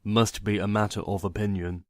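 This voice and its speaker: A man with a fairly low voice speaks in a plain, monotone way. His delivery is matter-of-fact and deadpan, like a personal vlog told to a microphone. The sound is dry, with very little room in it. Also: moderate pace, no room sound. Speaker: narrator and video creator. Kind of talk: personal vlog monologue, voice only.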